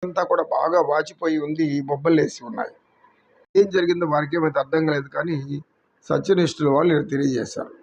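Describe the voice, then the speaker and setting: A man with a Telugu accent, a yoga teacher telling a moral story in an unhurried, preachy way. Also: fairly high pitch, fairly even intonation, highs cut off.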